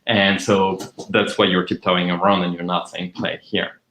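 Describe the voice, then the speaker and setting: A man's voice: low-pitched, level tone, moderate pace, fairly bright tone, a little hiss or hum. A man directing actors on a video shoot, explaining patiently with lots of fillers and restarts. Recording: echoey room.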